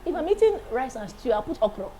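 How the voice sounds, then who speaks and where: A woman in her late thirties, a singer and accountant, chatting as an interview guest in a lively, enthusiastic way. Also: high-pitched, quick pace, heavy background noise. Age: 30s. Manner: lively, laughs often, enthusiastic. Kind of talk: casual interview chat.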